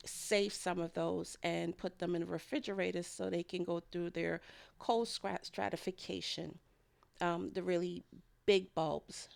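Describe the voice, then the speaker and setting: A home food and garden vlogger, this woman speaks on the low side with vocal fry. She narrates her homemade food vlog in a casual, rambling voice-over about a kitchen process, often chuckling lightly as she talks.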